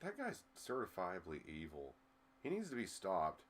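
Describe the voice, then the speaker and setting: A man's voice: low-pitched, huge pitch swings, moderate pace, fairly bright tone, slight background noise. A man co-hosting a casual sports chat, laid-back and rambling, swearing now and then. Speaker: podcast co-host.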